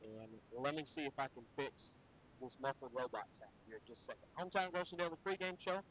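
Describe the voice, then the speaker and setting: A man's voice: mid-range voice, animated, quick pace, fairly bright tone, slight background noise. A man hosting a live sports pregame show, chatty with many fillers. His voice sounds muffled, as if through a wall. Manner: chatty, with frequent fillers and restarts. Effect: muffled, dull sound, as if through a wall. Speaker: sports broadcast host. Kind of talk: live pregame chat and sponsor reads.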